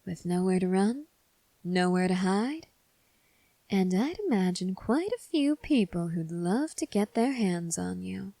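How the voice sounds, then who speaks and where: A woman playing a cynical, taunting gang member in an ASMR role-play, speaking in a sardonic, teasing, unhurried way. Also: on the low side, animated, gravelly, warm tone, no room sound, heavily acted. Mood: sardonic, ominous.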